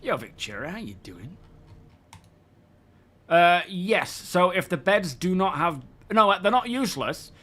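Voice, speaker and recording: A man's voice: high-pitched, big pitch swings, a little slow, pauses often, fairly bright tone. A man live-streaming a game, chatting casually and rambling while greeting his viewers by name. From United Kingdom.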